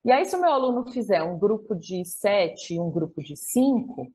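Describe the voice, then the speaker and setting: A woman's voice: mid-range voice, big pitch swings, normal speed, warm tone, a little hiss or hum, low-quality recording. A Brazilian woman with a Brazilian Portuguese accent leads a live online training for fellow teachers. She explains patiently, step by step, and often checks in with her listeners through short tag questions.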